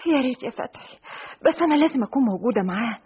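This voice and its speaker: A woman's voice: a little high, lively intonation, rapid-fire, husky. An actress playing a young Egyptian woman with an Egyptian accent who insists on standing by the man she loves, in an old radio drama. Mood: insistent. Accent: Egyptian Arabic. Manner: pleading, insistent. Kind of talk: 1970s radio drama acting. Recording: dull old radio recording.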